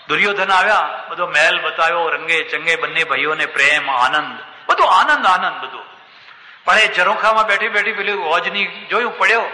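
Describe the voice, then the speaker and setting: Animated preacher man in an echoey hall. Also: high-pitched. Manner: lively, animated retelling that acts out the voices. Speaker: swami, preacher. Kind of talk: sermon storytelling. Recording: echoey hall with long reverb.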